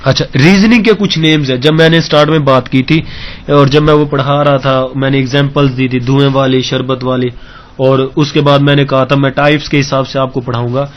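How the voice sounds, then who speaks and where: A male teacher delivers an exam-prep lecture step by step, mixing English terms into his speech and repeatedly asking whether students follow. His voice is medium-pitched and steady, and the recording sounds muffled.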